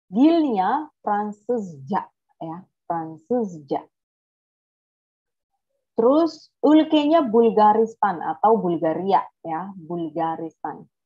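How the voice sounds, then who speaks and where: A woman leads a language lesson at a slow, deliberate pace. She thinks out loud, double-checks words and corrects herself mid-sentence. The audio is slightly dull and lo-fi. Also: medium pitch, breathy edge. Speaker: Turkish language teacher.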